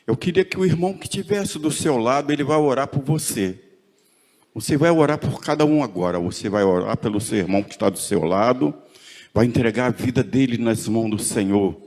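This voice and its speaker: A man's voice: medium pitch, darkish tone. Man praying fervently in echoing church. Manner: exhorting, rising in intensity. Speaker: pastor leading intercessory prayer. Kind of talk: fervent congregational prayer. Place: church sanctuary. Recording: long church hall reverb.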